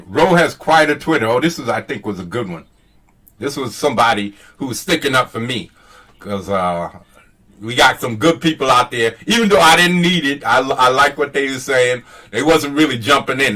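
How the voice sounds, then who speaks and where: A man's voice: mid-range voice, pushed and bright, distant mic. A man hosts a casual, rambling commentary on online exchanges in a mocking, profane manner. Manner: mocking, profane, chuckling at his own jabs. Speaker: host.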